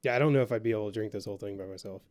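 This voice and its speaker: A man co-hosting a laid-back podcast, talking in a plain, easygoing way. He hesitates often and fills pauses with ums and uhs. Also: on the low side, a little mellow. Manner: hesitant, lots of ums while reading. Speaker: podcast co-host. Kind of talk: casual podcast chat.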